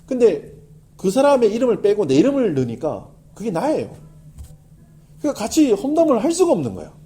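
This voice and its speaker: Lively, high-pitched preaching pastor. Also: male voice, brisk. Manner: animated, conversational preaching with emphatic swings. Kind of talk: sermon.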